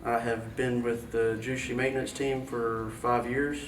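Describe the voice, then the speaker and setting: A man from South Carolina, a maintenance supervisor, talking in a measured, pausing way in an employee interview. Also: mid-range voice, little pitch movement. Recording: roomy, distant mic, music behind.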